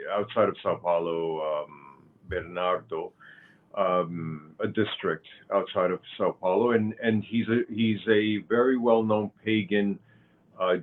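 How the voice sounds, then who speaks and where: A man around sixty from Cuba, a guest in an interview, talking slowly and haltingly with many fillers and restarts. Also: low voice. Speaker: guest, author and pagan high priest. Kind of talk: interview conversation. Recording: thin phone-like line.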